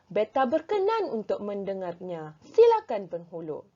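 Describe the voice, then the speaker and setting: A teacher reading a gracious sultan. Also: female voice, mid-range voice, huge pitch swings, warm tone. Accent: Malaysian Malay. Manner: slow careful reading aloud. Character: gracious male sultan granting help. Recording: dull lo-fi recording.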